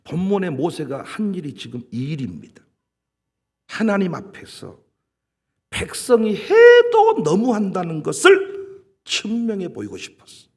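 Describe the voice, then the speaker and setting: A male senior pastor preaching a sermon in an animated, emphatic way, acting out scenes as he goes. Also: high voice, measured pace. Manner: animated, emphatic, dramatizes with quoted voices.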